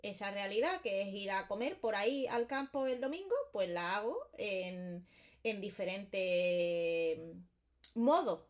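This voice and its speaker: A woman's voice: medium pitch, animated, slow pace. Chatty woman teaching grammar. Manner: chatty, explains with repeated examples and checks with "vale". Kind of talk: casual exam-prep lesson.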